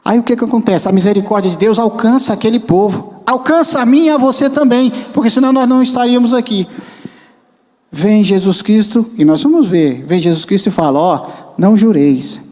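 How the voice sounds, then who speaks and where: A man's voice: high voice, fairly quick, a little mellow. A man with a Brazilian accent preaching a sermon in church as a deacon, in a conversational way that puts questions to the congregation. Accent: Brazilian Portuguese. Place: church hall. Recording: long church-hall reverb.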